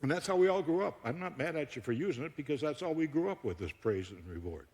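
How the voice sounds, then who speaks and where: Speaking fast in a fairly high voice, an older guest preacher from Buffalo, New York, delivers a funny sermon in a church auditorium. He jokes, tells stories with animation and laughs often.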